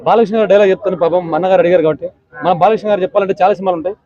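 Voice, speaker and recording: A man's voice: high-pitched, steady tone, racing. A man chatting casually and eagerly as he takes requests to recite film dialogues. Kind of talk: casual street chat. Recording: dull lo-fi recording.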